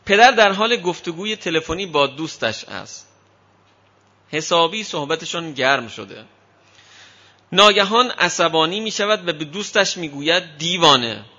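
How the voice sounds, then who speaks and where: A parenting lecturer with a fairly high, bright voice speaks to an audience about raising children. He makes his points through lively stories, slipping into the voices of parents and kids, and the recording is dull and lo-fi.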